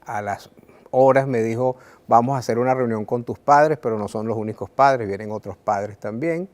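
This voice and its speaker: Venezuelan man, mid-pitched, earnest reflective monologue, hesitant restarts. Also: darkish tone. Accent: Venezuelan Spanish. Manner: earnest, measured, with frequent "eh" and repeated words. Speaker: writer sharing his life story. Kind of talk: reflective personal talk to camera.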